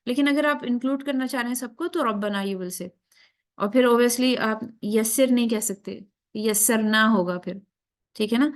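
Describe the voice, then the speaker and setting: A woman teaching a tajweed class, slipping English phrases into her talk and often checking that students follow. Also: a little high. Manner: keeps checking in with students after each point; mixes English phrases into Urdu. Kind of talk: class lecture.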